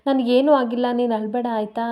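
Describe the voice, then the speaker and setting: Young man in hospital, soft and reassuring; woman narrator voicing him. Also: on the high side, fairly even intonation, brisk, muffled recording, natural voice. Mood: soothing. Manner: soothing. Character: injured young man, gentle and comforting.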